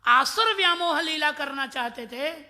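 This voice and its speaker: A devotional speaker in his fifties from Mathura tells scripture stories and recites Sanskrit verses, slipping into the voices of his characters. His voice is very bright and ringing. Long reverb trails off each line in the hall. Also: very high-pitched, lively intonation, unhurried. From Mathura, India. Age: 50s. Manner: storytelling, quoting Sanskrit verses; acts out voices in his anecdotes. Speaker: religious discourse speaker.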